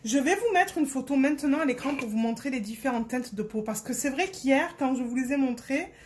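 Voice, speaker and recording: A woman from Marseille, speaking with a Marseille accent, chats casually to her phone for a diamond painting vlog, rambling and searching for words. Her voice sits high and a little mellow, with lively intonation and a fairly quick pace. There's slight background noise.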